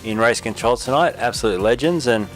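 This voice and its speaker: A man's voice: medium pitch, expressive, a little fast, soft background music. An Australian man hosting a sim racing broadcast, wrapping up and plugging sponsors in an easygoing way. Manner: easygoing, reads sponsor plugs. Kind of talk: casual post-race wrap-up.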